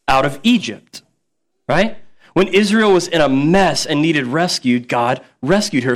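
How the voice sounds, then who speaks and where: Casual, animated preacher with higher pitch. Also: male voice. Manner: casual and conversational, acts out quotes; repeats words when emphatic. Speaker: pastor. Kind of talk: sermon.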